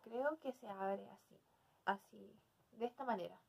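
Casting: young adult woman, mid-pitched voice, hesitant and casual, as an unboxing vlog host. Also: a little slow, gravelly, a little mellow, breathy edge. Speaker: video host. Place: small decorated room indoors.

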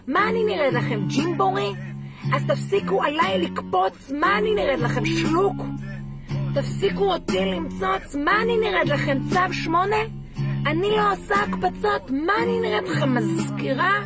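A woman's voice: very high-pitched, lively intonation. A woman playing a frazzled, fed-up mother of young kids in a comic song, firing off exasperated rhetorical questions. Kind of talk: comic sung monologue over guitar. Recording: guitar music loud behind the voice.

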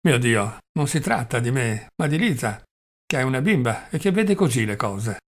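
A man's voice: medium pitch, animated, moderate pace, lightly acted. A man reading the part of a worried, earnest woman in an audiobook. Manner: concerned and earnest. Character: worried, kind woman, Claudia Petrovna.

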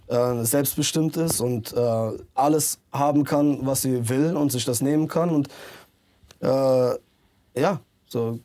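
A rapper in his thirties, appearing as an interview guest in a music studio, talks earnestly and rambles through fillers and restarts in a casual interview. His mid-range voice is mellow and dark. He speaks into a handheld mic being held out to him.

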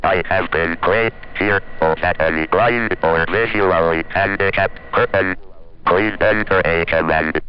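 A synthesized male voice from a talking device, with a slow, choppy robotic delivery. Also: deep voice. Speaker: talking toy and reading machine voice. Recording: dull lo-fi recording.

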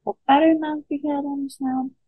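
A woman teaching English grammar, saying each English example slowly and deliberately before explaining it. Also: sits high, level tone, dry recording. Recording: dull lo-fi sound.

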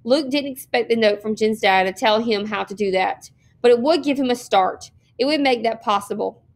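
A woman's voice: on the high side, normal speed. Woman reading a story aloud. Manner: steady, expressive reading with occasional slips. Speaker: teacher reading a novel aloud.

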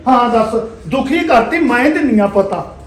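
A man's voice: very high-pitched, animated, measured pace. A man with a Punjabi accent playing a bossy, scolding old mother-in-law in a village comedy skit. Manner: scolding, sharp-tongued, cursing. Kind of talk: rural comedy skit acting.

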